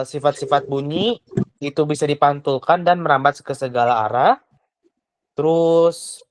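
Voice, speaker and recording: With a low-sitting, slightly mellow voice, a young woman gives a child an online tutoring lesson, patiently asking many questions and often closing with a casual "gitu." The recording is dry and low-quality.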